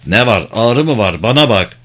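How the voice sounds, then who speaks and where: A man's voice: lowish voice, lively intonation, normal speed, fairly bright tone. A man voicing an alarmed astronaut who speaks in short, urgent bursts. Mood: worried.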